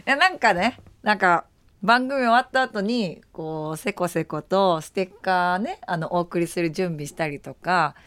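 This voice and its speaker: Host, a woman with a lowish voice, relaxed and rambling, full of fillers. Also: unhurried, smooth. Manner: chatty and rambling, with many fillers and bursts of laughter. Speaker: radio show host. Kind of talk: casual after-show chat.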